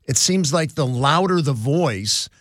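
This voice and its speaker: A male host interviewing a comedian in a relaxed way, chiming in with agreement. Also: on the high side, a little slow, dry recording, studio quality. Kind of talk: radio-style interview.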